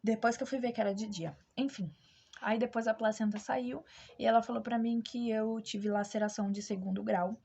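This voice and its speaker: Telling a personal story casually to camera, a young Brazilian Portuguese-accented vlogger speaks openly and imitates those she quotes. Her voice is fairly high yet dark and slightly rough, with vocal fry, a steady tone and a fairly quick pace, and the lo-fi recording sounds dull.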